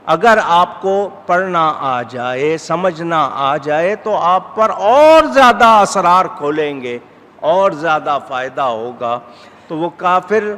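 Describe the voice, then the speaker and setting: A man's voice: on the high side, bright, forceful tone. Man preaching in a reverberant hall. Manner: measured, rising to emphatic exhortation. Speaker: Islamic scholar. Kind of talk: sermon. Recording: hall reverb with faint background noise.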